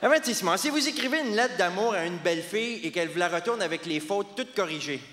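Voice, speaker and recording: Man, Québécois French accent, stand-up comedian, deadpan one-liners, slightly high voice, long hall reverb. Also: quick pace. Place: large theatre stage.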